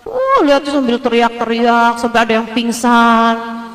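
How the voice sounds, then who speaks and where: A middle-aged woman preacher delivers a religious lecture in a lively, playful way. Her voice sits a little high, and she often slips into exaggerated, higher voices to mimic other people. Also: normal speed, in a large hall.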